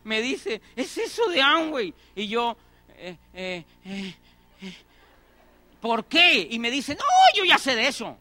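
A middle-aged man delivers a motivational talk in a very high, piercingly bright voice. He acts out both sides of conversations and repeats phrases for emphasis. The sound is dry and close. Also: big pitch swings, slow pace, no room sound. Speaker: motivational speaker. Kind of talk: motivational talk with acted anecdotes.

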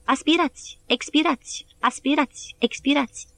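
A woman's voice: high voice, vocal fry, fairly bright tone, soft background music, voice pushed up. A woman voicing a desperate young male lieutenant calling urgent commands in an audiobook. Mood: commanding.

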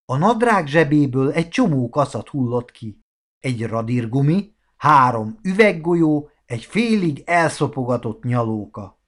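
Man reading a kids' storybook, voice bouncing up and down, mid pitch. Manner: animated, expressive reading. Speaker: audiobook narrator.

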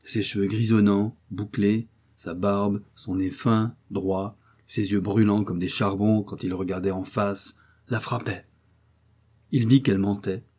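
Brief: male audiobook narrator, low, husky, measured storytelling. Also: steady tone, a little mellow. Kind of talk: scripted literary narration.

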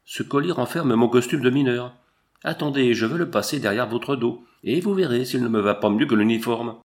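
A man's voice: mid-range voice, brisk, a little mellow, lightly acted. A man playing a boastful, self-important middle-aged policeman turned prospector while reading a story aloud. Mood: proud.

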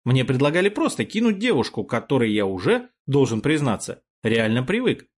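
Husky man narrating an audiobook. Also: mid-range voice, brisk. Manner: wry, expressive storytelling. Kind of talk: first-person audiobook narration.

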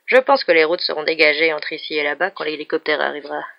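Reassuring male sheriff voiced by a female reader, flat and gravelly, muffled lo-fi recording. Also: low-pitched, fast talker, dry recording. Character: male small-town sheriff, steady and reassuring. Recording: dull lo-fi recording.

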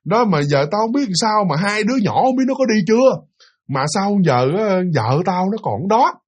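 A man voicing a worried, grieving widower who talks low and weary, stumbling over his words. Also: sing-song, normal speed, husky, exaggerated voice. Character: worried grieving middle-aged widower landlord.

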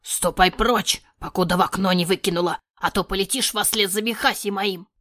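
A woman playing an old granny witch, fretful, slow lamenting speech, dry sound. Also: medium pitch, steady tone, fairly bright tone, no room sound, lightly acted. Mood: cross. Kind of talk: storybook character voice.

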